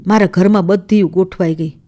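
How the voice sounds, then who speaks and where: A woman reading a first-person short story aloud in a steady, measured storytelling voice for a radio serial. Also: on the low side. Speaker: story reader.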